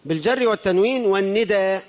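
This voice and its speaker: A man with a high Egyptian voice who teaches grammar by asking his students questions and supplying the answers. He is recorded on a muffled, lo-fi track in a room with long reverb, like a classroom or lecture hall. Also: quick pace. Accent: Egyptian Arabic. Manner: asks the class questions and answers them himself.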